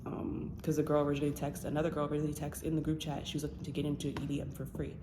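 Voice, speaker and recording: Gossipy young woman, low-pitched, echoey noisy room. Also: monotone. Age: young adult. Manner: gossipy, dramatic storytime telling with slang and emphatic pauses. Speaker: vlogger telling a personal story. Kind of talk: casual storytime chat. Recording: roomy echo, clearly noisy background.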